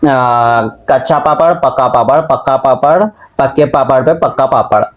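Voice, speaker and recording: A man's voice: mid-range voice, normal speed, dull audio. A man hosting a casual vlog, chatting playfully and slipping English phrases into his Hindi. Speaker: vlog host. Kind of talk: casual chat.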